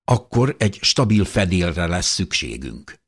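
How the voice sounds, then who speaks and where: A man voicing an excited teenage boy hiding in a cave, speaking high and breathless. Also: husky, full character voice. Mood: earnest.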